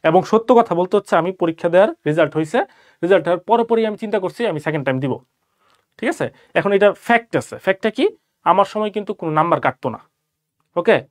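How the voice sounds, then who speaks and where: A man's voice: sits high, racing. A young man from Bangladesh, a medical student, gives casual live-session advice to exam candidates and keeps checking in with "okay?".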